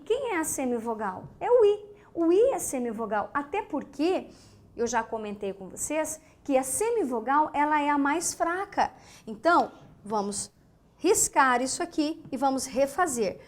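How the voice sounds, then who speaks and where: A woman with a Brazilian Portuguese accent teaching a grammar lesson. She keeps asking the class questions and then answers them herself. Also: sits high. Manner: lively, asks students questions and answers them.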